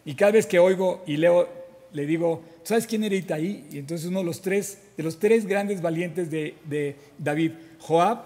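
A man preaching a sermon, reading scripture and retelling it in an animated storytelling way with asides. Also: sits high, moderate pace. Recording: long hall reverb.

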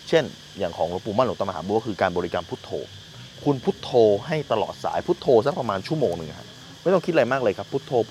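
A man with a fairly low voice teaches at a quick clip and makes his points earnestly with everyday examples. He speaks outdoors at a forest temple, and faint crickets and insects chirp behind him. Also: slight background noise. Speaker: business coach and podcast host. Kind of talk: casual teaching monologue.

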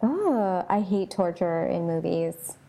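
A woman's voice: fairly low pitch, lively intonation, takes it slowly, gravelly, dark tone, slight background noise. A woman hosting a chatty podcast, talking casually with lots of fillers and asides and reading ghost stories aloud. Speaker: podcast host.

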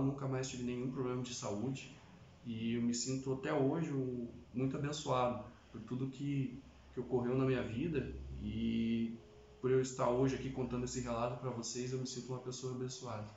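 A young man telling his personal testimony in a halting, earnest way, with many restarts. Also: medium pitch, gravelly, darkish tone, roomy sound, dull audio, slight background noise. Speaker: testimony giver.

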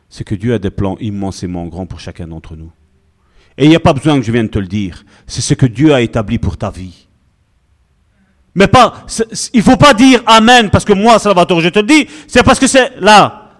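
A male pastor giving an animated, conversational sermon full of asides to the congregation. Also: a little high.

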